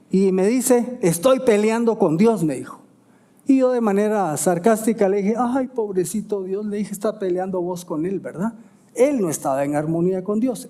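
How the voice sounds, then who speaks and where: A male pastor preaching a sermon, asking emphatic questions and answering them quietly, often adding "¿verdad?". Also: high-pitched. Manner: stops to self-correct and ask "¿verdad?".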